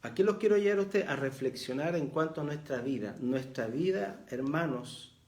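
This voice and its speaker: A man's voice: a little high, lively intonation, normal speed, darkish tone. A middle-aged man with a Chilean accent, preaching a reflective sermon and rising in emphasis as he reads verses aloud. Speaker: pastor.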